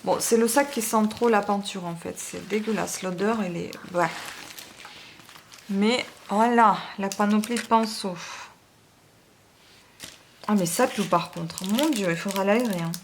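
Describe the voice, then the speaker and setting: A woman's voice: medium pitch, measured pace, pauses often. Chatty woman unboxing with rustling behind. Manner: chatty, hesitant, many fillers. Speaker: beauty vlogger. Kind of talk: casual unboxing chat. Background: wind noise and plastic crinkling.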